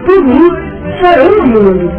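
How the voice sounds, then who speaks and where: A very high-pitched young Brazilian widow in an old radio show soap. She is earnest, sorrowful and determined. The recording is dull and distant, with music behind. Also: sing-song, unhurried. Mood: resolute. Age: young adult. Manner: earnest, emotional delivery. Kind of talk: old radio show, melodramatic radio drama acting.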